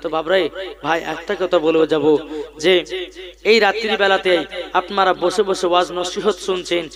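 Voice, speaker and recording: A male preacher who sings his sermon, tells stories in a fast, pleading voice and leads call-and-response chants at a night gathering. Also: sits high, fairly even intonation, crowd noise. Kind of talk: sung and chanted Bengali waz sermon. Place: open-air gathering at night.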